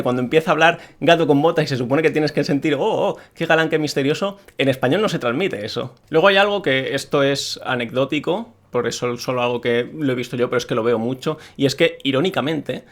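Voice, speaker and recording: A man from Spain with a Peninsular Spanish accent, delivering an opinionated monologue as a video creator, with strong, emphatic criticism. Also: on the high side.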